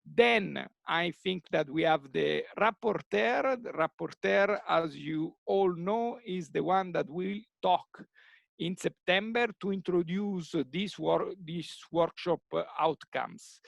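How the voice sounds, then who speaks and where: A man's voice: high voice, slow, gravelly, dry recording, muffled recording. A man moderating an online workshop over a video call, with many fillers and restarts. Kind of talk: online meeting facilitation.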